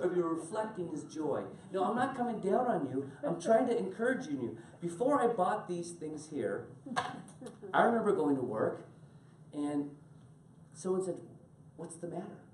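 Lively pastor preaching in an echoey church. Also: male voice, sits high, a little hiss or hum. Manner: animated, laughing storyteller addressing congregation by name. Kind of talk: sermon. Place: church sanctuary. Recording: echoey room from far off.

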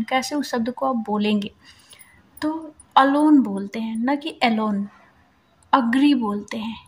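A woman with a somewhat high voice teaches English phonics. She talks in Hindi mixed with English words and sounds out each vowel slowly and carefully to demonstrate it. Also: darkish tone. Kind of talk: explaining phonics in a casual lesson.

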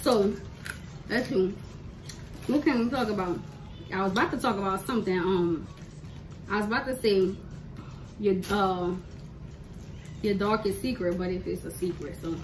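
A woman's voice: mid-range voice, normal speed, pauses often. A young woman with a New Orleans accent hosting a casual mukbang chat, bubbly and laughing often in loose slangy talk. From New Orleans, USA. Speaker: host. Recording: echoey room, mic at a distance, noisy.

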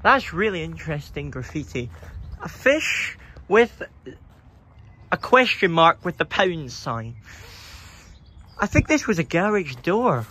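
Guy, young, bright voice, jumpy and muttering, phone vlog exploring an old abandoned building. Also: fairly high pitch, big pitch swings, slow pace, pauses often, slightly rough. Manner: jumpy, muttering to himself, easily spooked. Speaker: urban explorer vlogger. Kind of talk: nervous walking commentary. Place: outdoors and in a derelict building.

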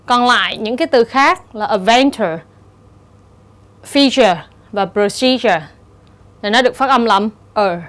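A woman teacher with a Vietnamese accent, explaining exam answers step by step and reading English example words slowly. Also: a little high, fairly bright tone. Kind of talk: exam-prep lecture.

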